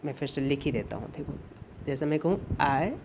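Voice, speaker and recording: A man teaching an exam-prep English grammar lesson, explaining patiently, repeating points and often checking in with his students. He reads the English example sentences slowly and deliberately. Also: a little high, noisy background. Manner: patient, repetitive, checks in with "ठीक है" and "है ना".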